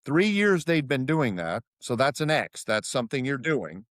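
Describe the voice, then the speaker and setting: Animated storytelling man, dry sound. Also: medium pitch, moderate pace, dry recording. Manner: animated, acts out quoted dialogue. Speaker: guest, process improvement consultant. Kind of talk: storytelling interview answers.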